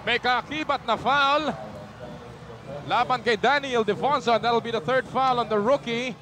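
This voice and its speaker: A man calling a live basketball game play by play, excitable and mixing English with Tagalog. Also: very high-pitched, moderate pace. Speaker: play-by-play announcer. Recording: archival broadcast over loud arena crowd. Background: roaring arena crowd.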